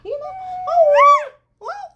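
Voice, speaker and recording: A woman's voice: extremely high pitch, expressive, unhurried, lo-fi sound. A woman from the Philippines filming a home vlog, playfully coaxing her dog to howl and making long howling sounds herself. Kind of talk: casual home vlog talk to a pet.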